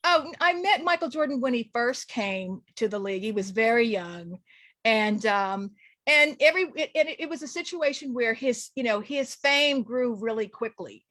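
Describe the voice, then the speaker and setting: A middle-aged woman from Los Angeles talks as a radio interview guest. She is chatty, full of fillers and restarts, with a fairly high voice. The sound is dry and close. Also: lively intonation, normal speed, fairly bright tone, no room sound.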